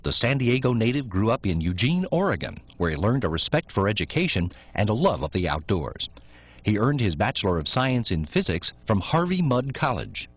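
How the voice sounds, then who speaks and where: A man reading scripted documentary narration in a measured, informative way. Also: fairly low pitch, big pitch swings, breathy edge. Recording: dull lo-fi recording, dry.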